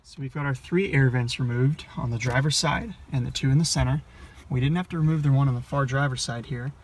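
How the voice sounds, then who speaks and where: Fairly quick and mid-range, a man's voice comes through with a little hiss or hum as he does a casual how-to on installing something in a car's dashboard. He explains every step in a plain, hands-on way.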